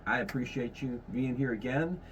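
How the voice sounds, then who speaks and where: A man's voice: medium pitch, normal speed, fairly bright tone, lo-fi sound, slight background noise. A man in his fifties hosting a podcast in casual chat, rambling and correcting himself as he goes. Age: 50s. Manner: rambling, self-correcting, folksy. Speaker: podcast host.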